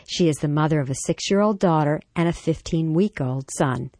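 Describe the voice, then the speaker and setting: A woman with a notably low voice hosts a parenting program. She reads a story and then interviews a guest in a measured, thoughtful manner. The recording is dry and close. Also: dark tone, no echo. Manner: measured and reflective. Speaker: radio talk show host. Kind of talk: scripted story reading and interview.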